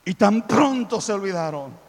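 A pastor preaching with passion, his high voice climbing into loud, fervent cries. A long reverb of a big hall follows every phrase. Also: sing-song, normal speed. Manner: impassioned, building to loud exclamations. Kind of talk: sermon.

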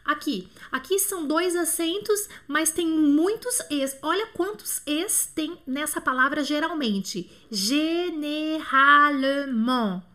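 A Brazilian woman teaching French in a live online lesson, chatty with scattered asides, slowing right down to sound out example words. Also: sits high, lively intonation. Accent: Brazilian Portuguese. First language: Portuguese. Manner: chatty, scatterbrained asides, drawn-out slow word demos.

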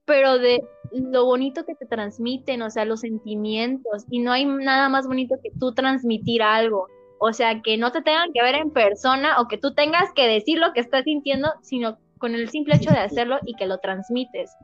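Young Mexican woman, podcast guest; animated, expressive storyteller. Muffled lo-fi audio with a faint music bed. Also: fairly high pitch, moderate pace. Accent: Mexican Spanish. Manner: animated and expressive, acts out quotes. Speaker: podcast guest, singer and dubber. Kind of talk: casual chat. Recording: dull lo-fi sound, faint music.

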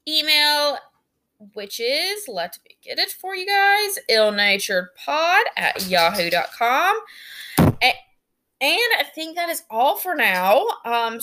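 A woman's voice: high voice, bright, forceful tone. A young woman with a Southern US accent, hosting a casual solo podcast intro in a chatty, rambling, self-deprecating way. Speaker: podcast co-host.

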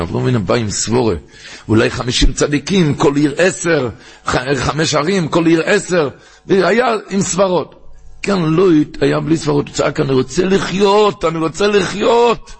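A man, a rabbi, giving a Torah sermon, rising to loud emphatic peaks and chanting the verses he quotes. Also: mid-range voice, gravelly, a little hiss or hum.

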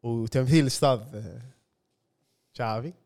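A man's voice: mid-range voice, a little fast, creaky, darkish tone. A man co-hosting a casual podcast chat, laid-back and joking, with hesitant fillers. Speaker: podcast co-host.

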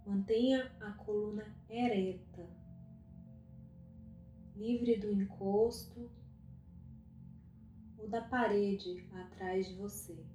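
A woman guiding a meditation, speaking softly and calmly with long pauses. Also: mid-range voice. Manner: slow, soft and calm, with long pauses. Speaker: meditation guide. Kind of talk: guided meditation. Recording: roomy echo with faint music.

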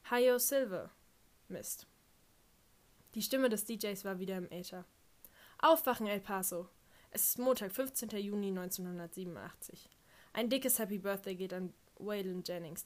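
A woman reading a first-person audiobook narration with a dry, wry delivery. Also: mid-range voice.

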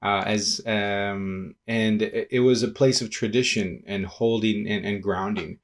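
A young man from Peru speaks in a low voice, a pastor and organizer talking through his thoughts in a casual interview. He goes slowly and carefully, restarting phrases and filling pauses as he reaches for the right words. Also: steady tone. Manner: thoughtful, halting, many restarts and fillers.

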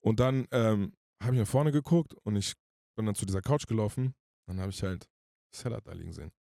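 A man telling his story as a podcast guest in casual, slangy speech, rushed and emotional. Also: on the low side, creaky, warm tone, dry recording, clean studio sound. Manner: slangy, rushed and emotional, addresses the listener as "Bruder".

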